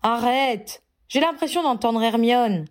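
A woman's voice: a little high, lively intonation, moderate pace, darkish tone, pitched above the performer's own voice, natural voice. A woman reading a storybook, voicing a blunt, hot-headed young man. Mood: indignant.

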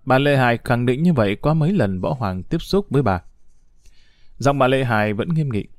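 A man's voice: medium pitch, animated, normal speed, dry recording, clean studio sound. A man reading a crime novel aloud as an audiobook, shifting his voice for each character's dialogue. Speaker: narrator.

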